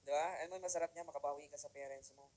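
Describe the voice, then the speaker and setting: A man giving an animated motivational seminar talk to a live audience in a room, mixing Tagalog and English and often checking in with the crowd. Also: fairly high pitch, rapid-fire, low-quality recording. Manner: animated, keeps asking the audience "di ba?". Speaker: motivational speaker.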